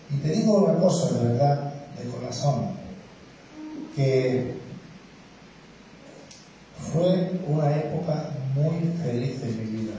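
A man's voice: mid-range voice, warm tone, a little hiss or hum. A man preaching a sermon as pastor in a conversational, emotional way, often checking in with the congregation with short questions. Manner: emotional, tearful. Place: church hall. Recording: echoey church from far off.

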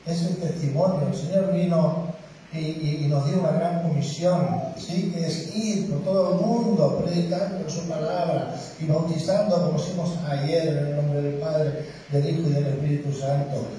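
A man's voice: on the high side, fairly even intonation, normal speed, mellow, slight background noise. A man preaching a sermon as pastor in a conversational, emotional way, often checking in with the congregation with short questions. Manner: emotional, tearful. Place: church hall. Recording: echoey church from far off.

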